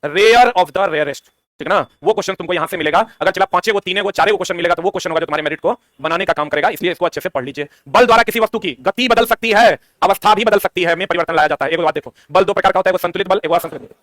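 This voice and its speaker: A man's voice: high voice, racing, few pauses, fairly bright tone, no room sound. A man, teaching an exam-prep science lesson, asking questions and answering them himself. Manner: quizzing, asks and answers his own questions.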